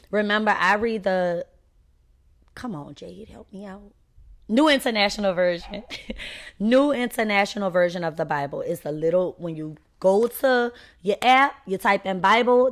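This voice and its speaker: A woman hosting a faith podcast, talking unscripted and emphatically, and addressing listeners directly as y'all in a preachy tone. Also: medium pitch. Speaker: podcast host.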